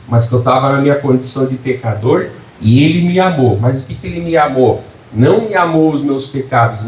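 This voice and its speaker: A man's voice: medium pitch, a little mellow. A male pastor preaching to a congregation, firing rhetorical questions, asking for "amém" and joking with the listeners. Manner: jokey asides to the congregation. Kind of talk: preaching a sermon. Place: church before a congregation. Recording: roomy hall, mic at a distance.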